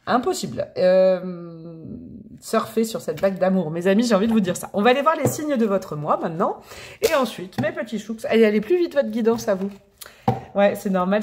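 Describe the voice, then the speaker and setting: A woman's voice: on the low side, a little mellow, a little hiss or hum. A woman giving a casual tarot reading to camera, chatty and playful, calling her viewers affectionate pet names. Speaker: tarot reader.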